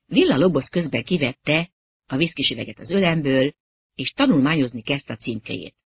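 A husky-voiced narrator reads a comic first-person story with wry expressiveness. The pitch moves in a lively way through each sentence. The recording is close and dry, with no room sound. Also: dry recording. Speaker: audiobook narrator.

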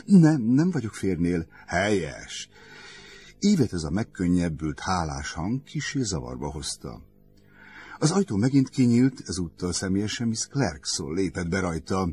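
Deep-voiced man reading a story. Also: very animated, a little mellow, husky. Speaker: narrator. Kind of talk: audiobook narration.

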